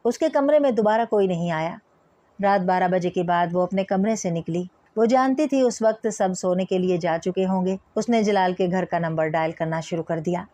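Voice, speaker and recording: Mellow woman reading a novel aloud. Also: fairly low pitch, no room sound. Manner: steady, measured storytelling. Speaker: audiobook narrator.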